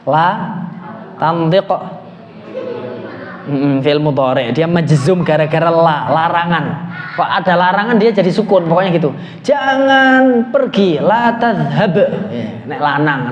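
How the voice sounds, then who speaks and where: A man with a Javanese-tinged Indonesian accent teaching Arabic grammar to a class, quizzing students and chanting phrases slowly. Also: on the high side, lo-fi sound. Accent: Indonesian, with Javanese words. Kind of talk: classroom lesson. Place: mosque hall. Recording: echoey, reverberant hall.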